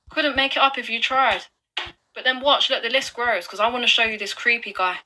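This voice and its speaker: In live commentary on online records, a woman video blogger addresses her viewers with upset urgency, cursing as she presses her points. Her voice is a little high, pushed and bright, and there is a little hiss or hum.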